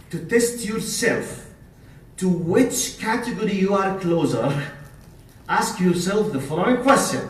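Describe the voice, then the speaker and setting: A man with a Jordanian Arabic accent, a native Arabic speaker, gives an emphatic Islamic lecture to a live audience, punctuating it with rhetorical questions and short checking tags. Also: high-pitched. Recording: echoey, picked up from a distance.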